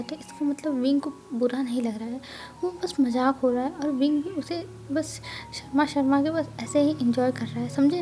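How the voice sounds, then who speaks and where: A woman voicing a gentle older brother who calms and teases his sibling. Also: high-pitched, close to an everyday voice. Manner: soothing, joking.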